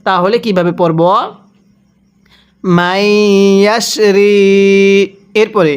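A man teaching Quran reading, spelling out words and chanting them slowly for the listener to repeat. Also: sits high, fairly even intonation, clean tone. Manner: drawn-out chanted recitation, asks and answers himself. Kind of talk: slow spelled-out recitation lesson.

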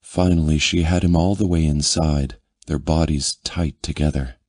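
Male audiobook narrator, extremely deep, husky voice, slow intimate reading, dry close mic. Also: fairly even intonation, a little mellow, dry recording. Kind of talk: scripted narration.

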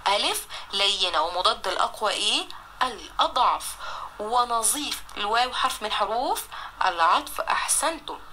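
A woman with an Egyptian accent teaching a recorded primary-school Arabic lesson, drawing words out slowly to sound them out and praising her pupils. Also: medium pitch, expressive, sharp tone, a little hiss or hum.

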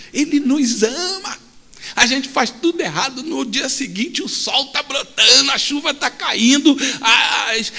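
A male preacher with a Rio de Janeiro accent delivers an animated sermon, high-pitched and very bright, with a gravelly rasp. He swings from shouts to murmurs as he tells his stories. A long reverb fills the church hall around him. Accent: Brazilian Portuguese, Rio de Janeiro. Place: church sanctuary.

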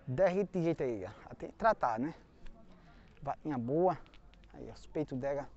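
In a higher, animated voice with a darkish tone and normal speed, a Northeastern Brazilian man hosts an outdoor vlog touring cattle market pens and asking prices. He's folksy, repeats prices back, and uses tag questions. The dull outdoor audio comes from a handheld phone he holds behind the camera.

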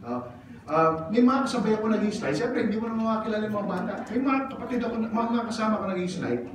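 Man from the Philippines, pastor preaching, high voice, animated storytelling, mixes Tagalog and English, asks "right?" and "amen?", distant mic, noisy. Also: fast talker, heavy reverb. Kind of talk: sermon.

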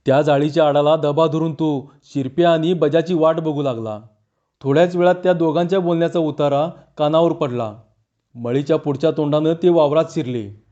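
Mellow-voiced man telling a village tale. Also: a little high, normal speed, highs cut off. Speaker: storyteller. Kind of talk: reading a rural folk tale.

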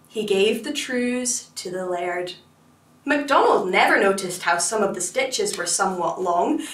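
A woman reading a children's folktale aloud, expressive and slow with dramatic pauses, recorded roomy and from a distance. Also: on the high side. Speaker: storyteller.

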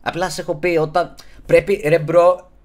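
A man hosting a casual podcast, giving earnest advice in slangy talk and closing his sentences with a low, mumbled "bro". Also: flat delivery. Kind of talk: casual streamed podcast chat.

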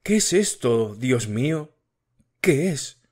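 A man's voice: medium pitch, big pitch swings, takes it slowly, a little mellow. A man voicing a sickly, tearful young woman in an audiobook, pleading with her fiancé. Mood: anxious. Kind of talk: audiobook character reading.

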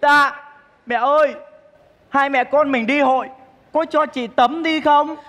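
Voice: high-pitched, fairly even intonation, a little slow, a bit bright. An actor playing a spoiled, scheming younger daughter in a stage comedy sketch, whining and teasing her mother. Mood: whiny.

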